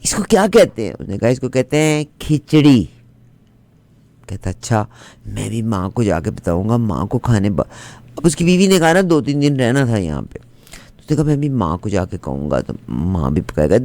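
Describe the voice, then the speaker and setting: This is comic storytelling from a man with a Punjabi accent, his fairly low voice at a moderate pace in a dry recording. He takes on the role of a chatty middle-aged woman spinning a humorous folk tale, lively throughout and repeating its funny chants.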